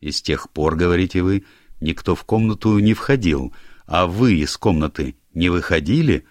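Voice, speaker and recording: Man reading stern older male minister, curt, commanding, very low voice, dry sound. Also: expressive, normal speed, no echo. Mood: irritated. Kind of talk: audiobook character voice.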